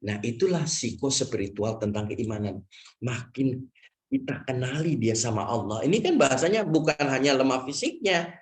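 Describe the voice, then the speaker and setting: A man's voice: lowish voice, a little mellow. A man giving a conversational religious health lecture, chatty and full of tag questions, who acts out a patient's prayers as he teaches. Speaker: lecturer on prophetic medicine.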